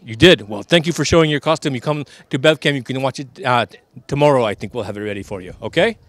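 A man's voice: mid-range voice, fast, fairly bright tone, close to an everyday voice. A man playing a jovial vampire count with a mock Transylvanian accent and choppy grammar, politely hosting ad-libbed street interviews. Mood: welcoming. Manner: polite, reassuring, choppy foreign-style grammar. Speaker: street host of a local TV Halloween show. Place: outdoors on a street.

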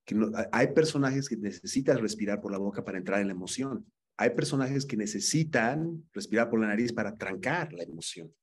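A man's voice: on the low side, fairly quick. A man teaching an acting class, giving students earnest feedback and often repeating words as he searches for the next one.

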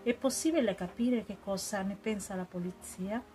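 A woman reading the part of a hospitable middle-aged English lady, polite and measured. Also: medium pitch, dark tone, lightly acted. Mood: curious. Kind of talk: audiobook character reading.

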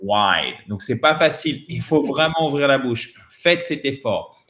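A man's voice: medium pitch, a bit bright. A man teaching English pronunciation in French, drilling each model word several times and checking in with "ok?". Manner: slow, repeats model words many times; often ends points with a checking "ok?". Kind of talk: French-language pronunciation lesson.

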